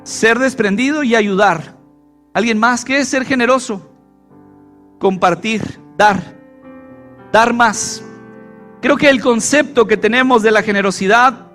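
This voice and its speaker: A man's voice: very high voice, fairly bright tone. A male pastor preaching a sermon, repeating key phrases and putting questions to the congregation. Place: church.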